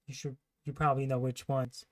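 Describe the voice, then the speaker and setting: A man's voice: medium pitch, flat delivery, brisk. A man hosting a livestream, giving casual, critical commentary as he reacts to a trailer. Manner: critical, disparaging.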